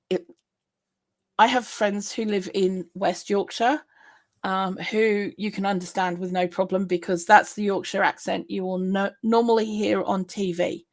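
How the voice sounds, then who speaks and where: A woman's voice: medium pitch, fairly even intonation, a little slow. A woman hosting a casual live stream, chatting in a rambling way, laughing often and answering viewer comments.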